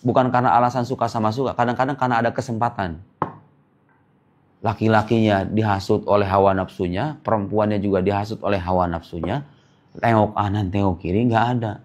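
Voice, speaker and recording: Man giving a lively, quizzing religious talk. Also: on the low side, fairly quick. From Indonesia. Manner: lively, quizzing listeners with rhetorical questions; teasing, jokey asides. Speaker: Islamic preacher. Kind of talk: casual religious lecture.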